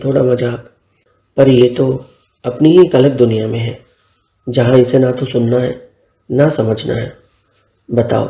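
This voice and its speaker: A man's voice: medium pitch, creaky, warm tone. A man voicing a playful, sly young man who teases and complains in a joking way. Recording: roomy echo.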